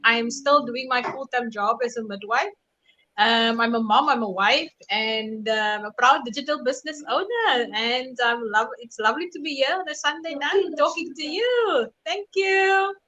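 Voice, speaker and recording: A woman's voice: sits high, moderate pace, sharp tone. A woman from South Africa, a guest on a live online panel, greeting everyone in a cheerful, chatty way.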